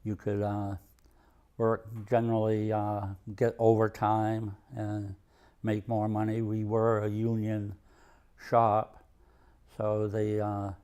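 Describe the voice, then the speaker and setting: An older man with a Maine accent tells his oral history in a soft-edged, mellow voice. His delivery is very even and slow, with halting pauses. He sounds plainspoken and understated throughout. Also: fairly low pitch, smooth. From Maine, USA. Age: over 65. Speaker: retired mill worker and museum volunteer. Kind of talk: oral history interview, reminiscing.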